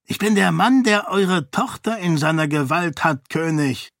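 A man's voice: fairly high pitch, expressive, unhurried, fairly bright tone, dry recording, studio quality, voice pushed up. A man voicing a cold, menacing male monk leader in an audiobook, with a raised, sneering delivery. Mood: threatening. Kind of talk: audiobook character voice.

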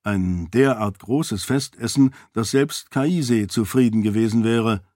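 A man reading a fantasy novel as an audiobook narrator, measured and even. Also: medium pitch, dry recording, clean studio sound. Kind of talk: scripted narration.

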